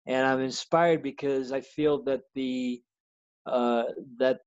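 A man giving a slow, halting comment over a video call, with many restarts. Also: medium pitch, darkish tone, no room sound. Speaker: audience participant in online talk. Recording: dull lo-fi call audio.

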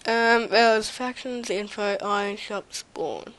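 Fighting a slight cold with a runny nose and cough, a young woman slowly tours her game server from a computer in her home room, pausing often and filling gaps with ums. Her mid-range voice has a fairly bright tone, and the commentary is casual and rambling. The audio is poor, and the desk mic near her keyboard picks up typing.

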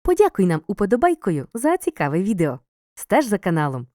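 Lively, mellow-voiced woman teacher. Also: medium pitch, no echo, studio quality. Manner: slow, clear dictation of word forms. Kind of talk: scripted lesson narration.

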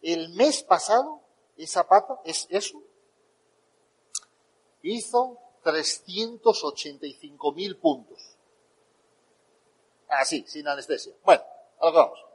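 High-voiced man telling stories. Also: slow, pauses often, husky. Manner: animated storyteller, acts out quotes. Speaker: motivational speaker. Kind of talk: storytelling talk to an audience. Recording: long hall reverb.

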